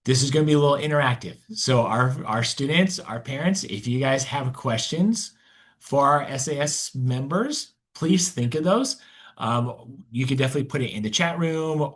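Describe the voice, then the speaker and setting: A man hosting an admissions info session over a video call, upbeat and encouraging, moving things along quickly. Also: medium pitch. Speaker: admissions event host.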